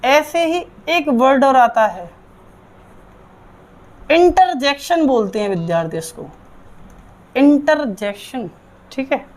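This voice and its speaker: A woman teaching an online English grammar lesson, drilling terms and answering her own quiz questions. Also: sits high.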